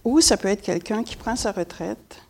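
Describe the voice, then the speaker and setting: A woman's voice: mid-range voice, lively intonation, normal speed, a little hiss or hum. An older woman from Montreal with a Québécois French accent, chatting casually as a panel guest. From Montreal, Quebec. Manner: chatty, many fillers.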